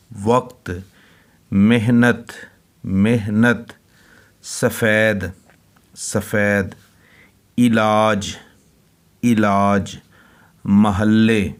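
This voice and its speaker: Guy teaching kids, spells every word out letter by letter, super slow and lowish voice. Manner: spells words letter by letter, repeats each word. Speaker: Urdu teacher. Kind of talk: slow spelling lesson for children.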